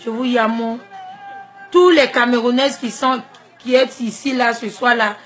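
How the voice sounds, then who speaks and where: A woman from Togo with a Togolese French accent, talking straight to her followers in an emphatic, confrontational rant that swings between shouting and soft asides. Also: on the high side, steady tone, measured pace, soft background music. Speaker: social media vlogger. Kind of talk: direct-to-camera personal rant.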